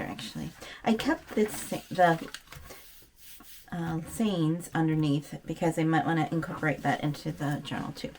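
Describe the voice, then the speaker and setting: An American craft channel host chats casually as she works through a project, narrating, thinking aloud and correcting herself. Her voice is lowish and a little mellow, with a little hiss or hum in the audio.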